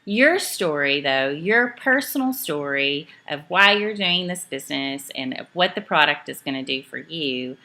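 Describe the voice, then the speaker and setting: A woman's voice: low voice, expressive, a little slow, few pauses, sharp tone. A middle-aged woman from East Tennessee with a Southern accent, giving a chatty, upbeat home video training talk, full of "um"s and self-corrections. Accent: Southern American (East Tennessee). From Eastern Tennessee, United States. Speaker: direct sales team trainer.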